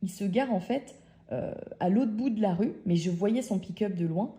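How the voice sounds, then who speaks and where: A young French woman casually telling a personal story as a podcast host, lively and often quoting the people in it. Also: mid-range voice, moderate pace. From France.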